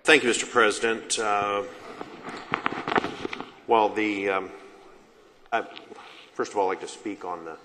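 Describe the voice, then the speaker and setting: A man, a state senator, speaking on a bill haltingly with many fillers. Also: fairly low pitch, steady tone. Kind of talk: floor speech. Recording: reverberant chamber with faint room noise.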